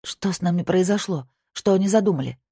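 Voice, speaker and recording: A narrator voicing a frightened young woman held captive, who speaks tensely and accuses bluntly, with a husky tone in a dry recording. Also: on the low side, a little fast, dark tone, no room sound, pitched above the performer's own voice.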